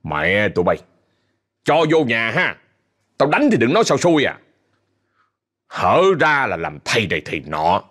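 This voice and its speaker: A man voicing a hot-tempered middle-aged man who yells abuse at his family. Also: medium pitch, big pitch swings, fairly quick, long pauses, slightly rough. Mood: raging. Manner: shouting, abusive.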